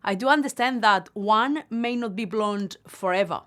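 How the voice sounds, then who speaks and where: A woman Spanish teacher giving a language lesson, repeating each phrase slowly and clearly. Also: medium pitch, a bit bright. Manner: slow, carefully enunciated repetition of phrases.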